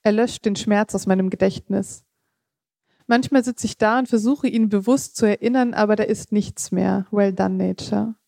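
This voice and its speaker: Woman author, measured literary reading, warm mellow tone, dry close sound. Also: mid-range voice, fairly even intonation, creaky, no room sound. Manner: measured reading with occasional slips and casual asides. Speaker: author reading her own text.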